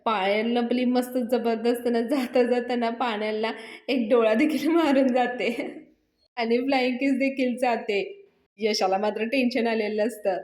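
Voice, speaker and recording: A woman recaps a television serial, telling the story with lively energy. Her voice sits fairly high. It carries a roomy echo. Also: measured pace. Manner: lively retelling, acting out the characters.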